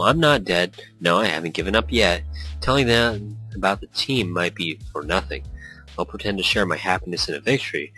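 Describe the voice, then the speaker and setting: A man with a deep, bright, forceful voice reads a visual novel aloud as brooding, introspective first-person narration, quickly slipping into small character voices. The audio quality is poor, with faint music in the background.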